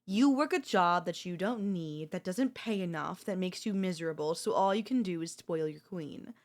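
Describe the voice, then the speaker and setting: Woman with a quiet, cutting calm. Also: fairly low pitch, moderate pace. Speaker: ASMR role-play performer. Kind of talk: ASMR audio role-play.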